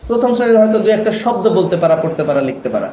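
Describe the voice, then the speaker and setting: A man's voice: high-pitched, very animated, rapid-fire, mellow. A man leading a training session for teachers, coaxing and often asking for agreement. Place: training room. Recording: echoey room, dull lo-fi, noisy.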